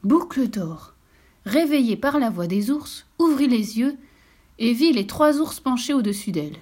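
A woman's voice: a little high, expressive, a little slow, darkish tone. A woman narrating a children's storybook expressively, sometimes dropping to a whisper.

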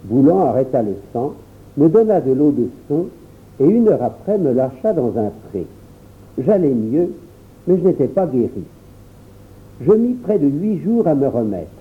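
A man giving an expressive first-person storybook narration as an audiobook reader. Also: a little high, a little slow. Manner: expressive, lively reading. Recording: tinny phone-like sound.

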